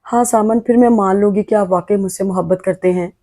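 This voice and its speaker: A woman's voice: mid-range voice, steady tone, a little fast, dark tone, no room sound, studio quality, lightly acted. A woman voicing a wronged young wife in an audio novel who speaks tearfully and insistently. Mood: pleading.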